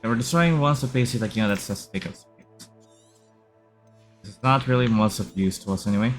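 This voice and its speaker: A man streaming a video game live, commenting casually in a relaxed, rambling way with many fillers. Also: medium pitch, brisk, faint music behind.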